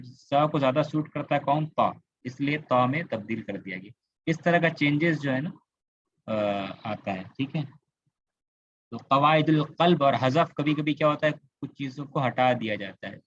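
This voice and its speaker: This online class lecture comes from an Arabic grammar teacher with a Kolkata Indian accent, speaking into a computer mic on a video call. He works through the material step by step, repeats key words, and stops to quiz students. His voice is mid-range and fairly bright, while the dry audio sounds slightly dull and lo-fi.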